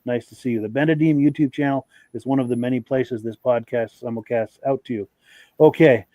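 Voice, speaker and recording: Man, podcast host, quick shout-out reader, mellow and dry. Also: mid-range voice, steady tone, dry recording, highs cut off. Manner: brisk reading of viewer shout-outs. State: out of breath. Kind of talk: live podcast welcome and chat.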